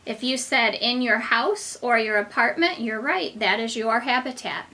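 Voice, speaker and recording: A woman's voice: a little high, normal speed, bright, forceful tone. A woman reading a children's book aloud as a teacher to very young children, with simple explanations, questions and asides, as if reading to a toddler. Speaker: kindergarten teacher.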